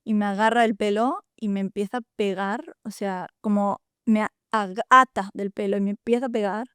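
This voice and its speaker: Young woman, halting, confiding, dry close sound. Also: medium pitch, clean tone, no room sound. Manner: halting and confiding, many restarts and "¿sabes?". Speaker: podcast host. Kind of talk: personal storytelling in a podcast conversation.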